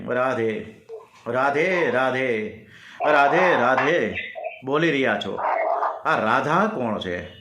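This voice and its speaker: A man's voice: fairly high pitch, sharp tone. A man voicing a devoted male companion who anxiously pleads with his lord, in an earnest, questioning way. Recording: roomy echo.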